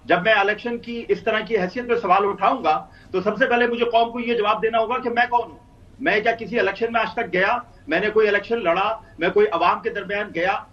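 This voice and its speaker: A man speaking as a political commentator guest over a remote link with a bad connection. He talks in a measured way and asks himself rhetorical questions. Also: high voice. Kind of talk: talk show commentary. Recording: dull, distant remote line.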